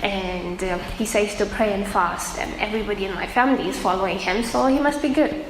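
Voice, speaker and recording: A woman from Afghanistan giving an earnest personal testimony, pausing often with fillers. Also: mid-range voice. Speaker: testimony speaker. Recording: echoey room with faint noise.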